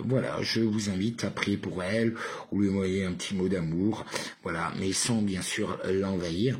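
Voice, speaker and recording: A man vlogging to his followers in a rambling, casual monologue full of fillers. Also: on the low side. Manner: repeats a phrase with shifting emotions, rambling with many fillers.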